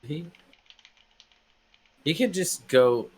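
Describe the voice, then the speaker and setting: A man's voice: a little high, animated, extremely slow, darkish tone, husky. A young man running a tabletop game, casual and rambling with many fillers. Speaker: game master.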